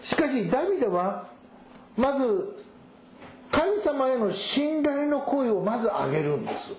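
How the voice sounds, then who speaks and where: A male pastor preaching a sermon, reading scripture verses and explaining them at a measured pace. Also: very high-pitched, sing-song, slight background noise. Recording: roomy echo, dull sound.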